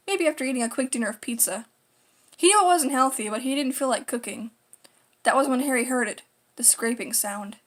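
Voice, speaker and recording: Higher-pitched woman narrating horror. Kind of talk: scripted creepypasta narration.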